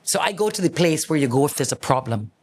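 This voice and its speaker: A middle-aged man hosting his own show, telling stories in a lively, casual monologue and acting out the people in them. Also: fairly high pitch, quick pace. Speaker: host, former radio host.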